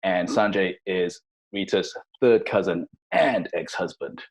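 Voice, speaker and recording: A man hosting a tabletop game as dungeon master over a video call, relaxed and joking. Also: low voice, a little slow. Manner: relaxed, joking, hesitant fillers.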